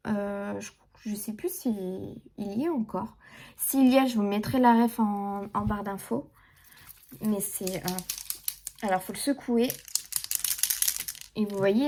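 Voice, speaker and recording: A woman's voice: fairly high pitch, warm tone. A young woman chatting casually through a makeup tutorial, full of fillers and restarts. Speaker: beauty vlogger.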